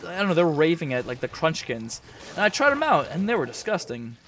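Fairly high and sing-song, this young gamer's voice moves quickly with a fairly bright tone, on a low-quality recording with a little hiss or hum. He rambles profanely through a casual shooter let's-play in his small home room, talking to viewers over a desk mic.

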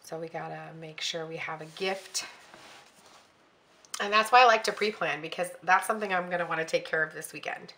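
Chatty bright-voiced woman planning aloud. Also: lowish voice, a little fast. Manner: chatty, thinking aloud with frequent ums and self-corrections. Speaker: planner vlogger. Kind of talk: casual planning walkthrough.

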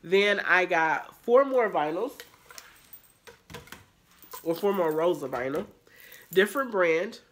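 A woman's voice: fairly low pitch, expressive, slow pace, long pauses, a bit bright, a little hiss or hum. A woman talking through a casual, rambling shopping haul vlog, stuffed up with allergies and sounding nasal. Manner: rambling, filler-heavy talk. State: congested with allergies. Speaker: haul vlogger.

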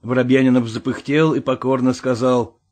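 A man's voice: medium pitch, normal speed. A man narrating an audiobook, reading the prose and voicing a brash, witty con man. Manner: lively, mocking when voicing the swindler hero. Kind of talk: audiobook reading with character voices.

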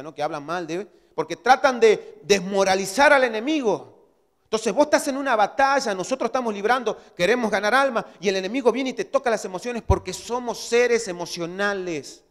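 A male pastor preaching a sermon, swinging from loud exhortation to hushed asides. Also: high-pitched, long reverb tail. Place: church hall.

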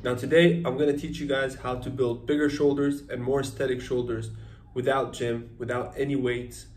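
A young man in his twenties, a fitness coach, gives upbeat, direct home workout instructions, often checking in with "okay?" and "all right?". His mid-range voice has a darkish tone, moderate pace and little pitch movement, picked up by a floor camera in an echoey tiled room with faint ambience and a little hiss or hum.

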